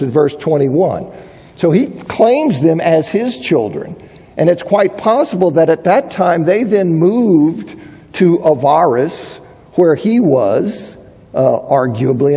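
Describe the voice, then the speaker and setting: A Bible teacher giving a lecture, reasoning aloud and often restarting his sentences. His voice sits a bit high, husky and mellow. It rings with the long reverb of a large hall. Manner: thinking aloud, restarts, reads quotes aloud. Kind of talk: lecture on biblical archaeology.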